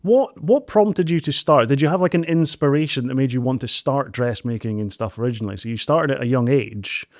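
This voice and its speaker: Energetic, excitable man hosting. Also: medium pitch, dry recording, studio quality. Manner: energetic, excitable, quick to laugh. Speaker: podcast host. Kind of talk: casual interview chat.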